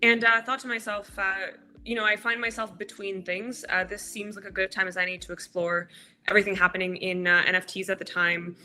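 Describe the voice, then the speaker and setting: Woman guest, very bright tone, halting delivery full of fillers. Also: medium pitch, little pitch movement, soft background music. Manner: halting, frequent filler sounds. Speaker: podcast guest, crypto project cofounder. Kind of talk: casual interview talk.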